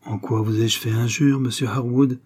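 A man voicing a frank, earnest young gentleman. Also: mid-range voice, fairly even intonation, normal speed, slightly rough, natural voice. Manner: frank and conciliatory.

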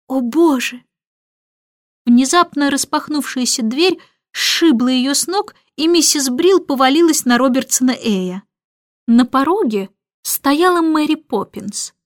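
A woman narrating a children's storybook in an expressive, measured way. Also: high-pitched, dry recording, studio quality. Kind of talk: scripted audiobook narration.

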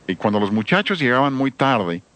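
A man's voice: mid-range voice, big pitch swings, normal speed, fairly bright tone. A man giving an emphatic sermon-style seminar talk on church music, addressing listeners with rhetorical questions.

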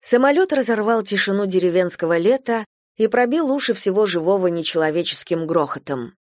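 A woman calmly narrating a storybook in first person. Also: medium pitch, a little fast, no echo, clean studio sound.

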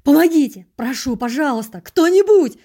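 A desperate young man cries out in loud, frantic pleas, as a woman reads him in an audiobook. The voice pushes high and strained, with a mellow, soft tone underneath. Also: animated, moderate pace. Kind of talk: audiobook reading.

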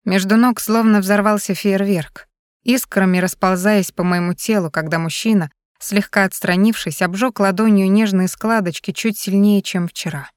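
A woman narrating an erotic novel in the first person, with an unhurried, intimate reading. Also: medium pitch, steady tone, clear, resonant tone, no echo, studio quality. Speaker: audiobook narrator.

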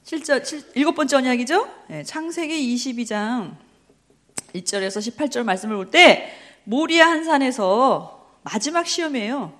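A middle-aged woman preaches at a Bible study in a fairly high voice that swoops up and down. She keeps throwing questions at her listeners and answering them herself. She laughs often as she tells her stories. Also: expressive, moderate pace, a bit bright. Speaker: missionary preacher.

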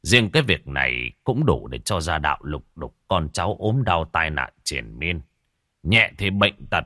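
A calm, knowing old geomancer speaks slowly in a low voice, as a male narrator acts him out. He lectures with steady authority in a storybook reading. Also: dry recording, studio quality, heavily acted. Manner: slow, lecturing.

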